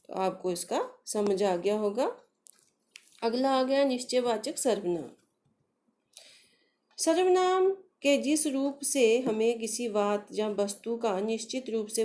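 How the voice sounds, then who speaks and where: A woman's voice: medium pitch, warm tone. A woman teaching a grammar lesson to schoolchildren, patiently asking questions and answering them herself, calling the pupils dear. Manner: addresses pupils affectionately. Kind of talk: Hindi grammar lesson for children.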